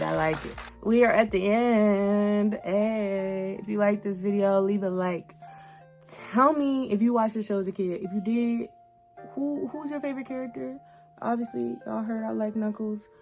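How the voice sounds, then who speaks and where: With background music underneath, a young woman reviewing an animated series on YouTube speaks in a mid-range voice marked by vocal fry. Her commentary is casual, slangy, and animated, and she leans on emphatic repetition of phrases.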